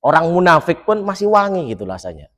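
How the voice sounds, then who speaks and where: A man's voice: fairly high pitch, fast. A man preaching in a mosque, quizzing his listeners and joking, reciting Arabic phrases and then explaining them. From Solo, Central Java. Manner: lively, jokes and quizzes the congregation. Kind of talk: mosque sermon.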